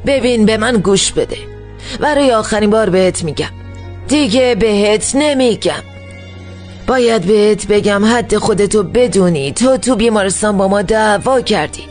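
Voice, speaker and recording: A woman's voice: mid-range voice, a little mellow, faint music behind, lightly acted. A woman dubbing a stern, hostile older aunt who scolds and warns in a cold voice. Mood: scolding. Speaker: dubbing actor. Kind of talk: dubbed TV drama.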